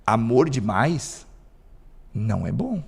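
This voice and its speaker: A man's voice: mid-range voice, very animated, slow pace, creaky, slightly rough, in a large hall. A man hosting a parenting podcast, speaking emphatically with frequent rhetorical questions. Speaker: psychoanalyst host. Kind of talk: podcast discussion.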